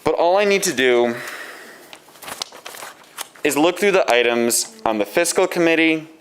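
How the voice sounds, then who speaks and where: A man's voice: a little high, lively intonation, a little slow, slight background noise. A man giving public comment at a city meeting, sarcastic and accusing. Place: city commission chamber.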